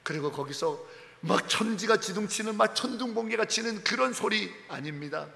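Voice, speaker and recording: A male pastor preaching a sermon dramatically, acting out quoted voices and swinging between loud cries and soft, hushed words. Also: high voice, lively intonation, moderate pace, creaky. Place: church sanctuary. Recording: long reverb of a church hall.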